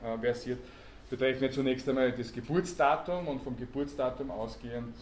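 A university lecturer speaks a little fast in a mid-range, darkish voice with a steady tone, patiently explaining and quizzing the class with many hesitation sounds. The recording comes from a student in the audience, in an echoey hall with faint background noise.

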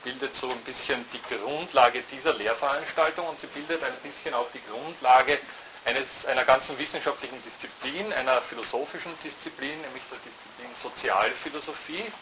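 A man lecturing at a university, thoughtful and halting, often restarting his sentences. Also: mid-range voice. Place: lecture hall. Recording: noisy lecture hall recording.

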